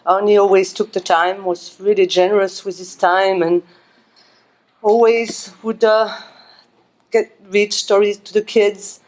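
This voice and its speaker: A woman giving a personal memorial tribute, pausing often with fillers. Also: mid-range voice, little pitch movement, darkish tone. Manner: halting, many fillers. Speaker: memorial speaker.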